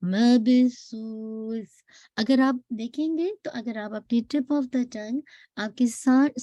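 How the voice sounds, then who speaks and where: A woman leads a Quran recitation lesson, her voice pitched a bit high but warm and mellow. She models each sound slowly and patiently, drawing syllables out, then checks in with her listeners. The sound is dry and close, with no room echo.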